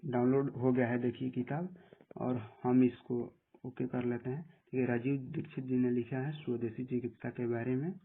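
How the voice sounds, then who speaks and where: Tutorial presenter: husky man, flat delivery, tinny phone-like audio, plain step-by-step walkthrough. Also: medium pitch, moderate pace. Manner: plain step-by-step instructions, often saying "dekhiye". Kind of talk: screen-recorded app tutorial.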